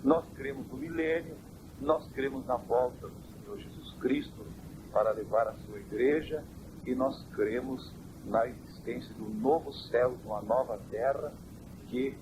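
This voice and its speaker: Church elder on hissy worn tape. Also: male voice, mid-range voice. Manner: measured, preaching doctrine. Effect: old worn cassette tape. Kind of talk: interview answers.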